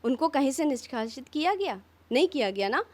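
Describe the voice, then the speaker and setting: Fiery high-voiced woman politician. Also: big pitch swings. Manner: fiery, rapid rhetorical questions. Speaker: opposition politician. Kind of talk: impassioned press interview.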